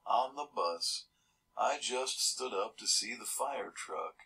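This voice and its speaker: A man's voice: medium pitch, lively intonation, slow pace, gravelly, sharp tone, rough recording. A man reading a children's storybook aloud, adding casual, chuckling comments between pages. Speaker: storybook reader.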